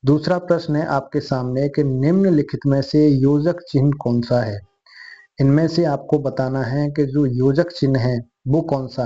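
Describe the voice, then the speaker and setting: A man's voice: medium pitch, mellow, muffled recording. A man teaching an online quiz lesson, addressing viewers as friends and repeating each answer.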